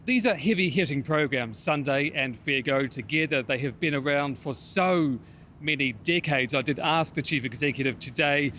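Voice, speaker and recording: Higher-pitched New Zealand male news reporter. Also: normal speed, bright, forceful tone, a little hiss or hum. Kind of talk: scripted news report and live cross.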